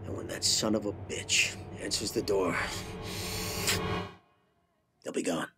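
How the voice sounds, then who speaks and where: A man playing a deep-voiced, solemn mob boss. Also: fairly even intonation. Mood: grave, calm. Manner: solemn, deliberate godfather delivery with swearing. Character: childish Italian-American mob boss, grave and fatherly. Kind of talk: comedy sketch acting, mafia parody. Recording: music playing under the voice.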